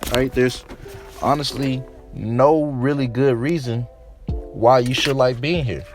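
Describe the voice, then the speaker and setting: A man's voice: medium pitch, measured pace, a little mellow, soft background music. A man preaching an informal sermon in a casual, slangy way, reading scripture and repeating his points.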